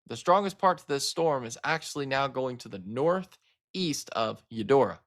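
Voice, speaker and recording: A man from Arkansas hosts a live severe-weather stream. His delivery is casual and chatty, full of fillers and asides to his viewers. His voice sits at an ordinary middle pitch. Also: lively intonation, moderate pace, fairly bright tone. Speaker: livestream weather host.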